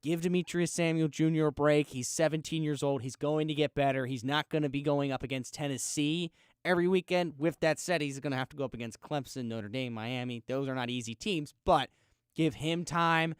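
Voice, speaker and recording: A man hosting a casual sports radio show from a studio, telling listeners to calm down in an easygoing way. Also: on the high side, fairly quick, clean tone, dry recording. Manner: laid-back, urging everyone to calm down. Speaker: radio sports talk host. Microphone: studio microphone.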